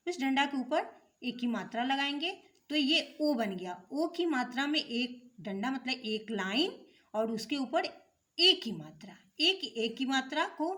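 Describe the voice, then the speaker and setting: Slow, high-voiced woman teaching young children. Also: a bit bright. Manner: patient, repeats and asks the class questions. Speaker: primary school teacher. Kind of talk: slow classroom explanation of letters.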